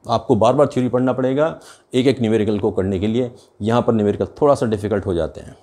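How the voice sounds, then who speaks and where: A lowish, mellow male voice belongs to an older teacher with an Indian accent giving a chemistry lesson at a board. He alternates between Hindi and English, speaking in a slow, deliberate manner.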